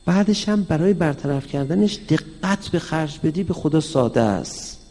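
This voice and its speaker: A man giving a religious lecture on mysticism to an audience, speaking in a lively way and acting out the dialogue he quotes. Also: a little high. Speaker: cleric teaching mysticism. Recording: long hall reverb.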